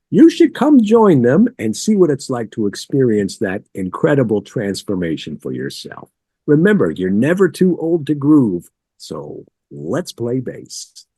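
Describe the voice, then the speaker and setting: A man hosting a bass-playing interview show, reading an upbeat intro and then asking casual questions. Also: mellow, breathy edge, no room sound. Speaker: interview host. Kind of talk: podcast interview.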